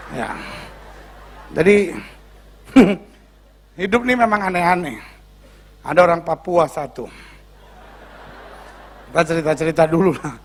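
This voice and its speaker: A high-voiced male pastor giving a sermon to a church congregation. He talks playfully and teases his listeners with jokes between his points. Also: fairly bright tone. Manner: joking, teasing the congregation.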